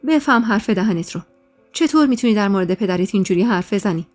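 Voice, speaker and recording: A woman's voice: mid-range voice, lively intonation, darkish tone, faint music behind, close to an everyday voice. Storybook mother, scolding and cold, voiced by a woman narrator. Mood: furious. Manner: reproachful, cold. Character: harsh scolding middle-aged mother.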